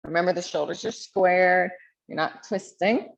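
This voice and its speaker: Gravelly-voiced woman leading yoga. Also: fairly low pitch, moderate pace, lo-fi sound. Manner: calm, encouraging cueing of poses. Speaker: yoga instructor. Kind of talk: guided yoga class instruction.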